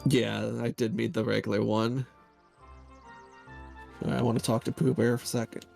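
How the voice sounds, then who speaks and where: A man's voice: medium pitch, little pitch movement, normal speed, gravelly, a little mellow, faint music behind. A man playing a video game on a friend's stream, chatting casually and telling rambling stories. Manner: rambling storyteller. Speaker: guest player. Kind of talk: casual let's-play chat.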